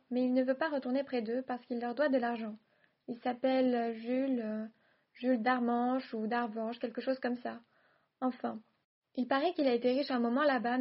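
A woman's voice: fairly high pitch, highs cut off, close to an everyday voice. A woman playing a curt, pompous sea captain. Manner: dry, clipped answers.

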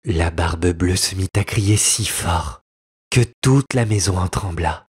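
A man narrating a storybook fairy tale with a husky voice, in slow, expressive storytelling. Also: low voice. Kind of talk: storybook reading.

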